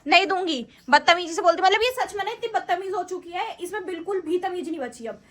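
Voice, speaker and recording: High-voiced chatty woman vlogging at home. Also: lively intonation, fast talker, a bit bright. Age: 40s. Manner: chatty, scolding and teasing a child. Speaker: family vlogger. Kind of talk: casual home vlog narration.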